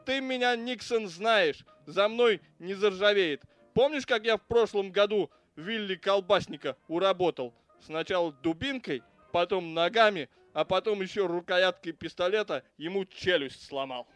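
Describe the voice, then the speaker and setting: High-voiced and crude, this is a foul-mouthed cop, read by a man who rants and swears without pause. Faint music plays beneath the audiobook reading. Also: a bit bright, dry recording. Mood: angry. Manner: crude, ranting, cursing. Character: foul-mouthed grudging adult male cop.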